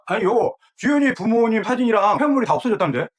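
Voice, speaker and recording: A weak-willed middle-aged uncle in a dubbed TV drama. His husky voice bobs up and down as he fusses and soothes. He tries to calm everyone down. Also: high-pitched, quick pace. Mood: placating. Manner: fussing, soothing, evasive.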